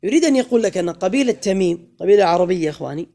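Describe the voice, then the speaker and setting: A man teaching a grammar class, his voice gravelly and mellow. He keeps quizzing the room with questions and slows down to chant lines of verse. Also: high voice, expressive. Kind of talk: classroom lesson.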